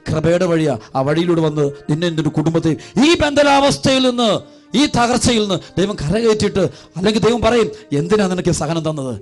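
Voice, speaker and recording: Priest, Kerala Malayalam accent, high voice, rapid repetitive sermon delivery over faint music. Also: male voice. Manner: repetitive, pleading cadence, drops low and soft for prayers; addresses listeners as children. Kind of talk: devotional sermon with prayer.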